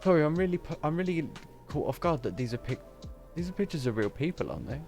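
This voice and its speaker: A man's voice: fairly high pitch, big pitch swings, quick pace, darkish tone. A man casually commentating on his own gameplay, rambling, sweary and easily distracted. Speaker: streamer. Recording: game music playing underneath.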